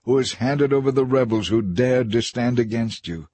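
Storybook young messenger, pleading, read by a man, husky voice. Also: mid-range voice, moderate pace, darkish tone, dry recording, natural voice. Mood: eager. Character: eager young messenger who pleads to run.

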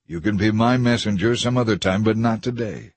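A man's voice: fairly low pitch, fairly quick, dry recording, lightly acted. A man voicing a blunt, ruthless army commander. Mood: stern.

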